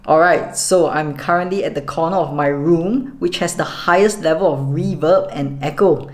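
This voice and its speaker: A woman's voice: low voice, normal speed, darkish tone. A woman vlogging casually as she tests microphones, talking in a playful, jokey, chatty way. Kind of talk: casual vlog, testing microphones.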